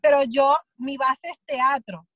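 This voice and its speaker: High-voiced woman from Puerto Rico. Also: takes it slowly, no echo. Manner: animated, acts out quoted remarks with laughs. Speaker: guest actress. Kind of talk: casual interview chat.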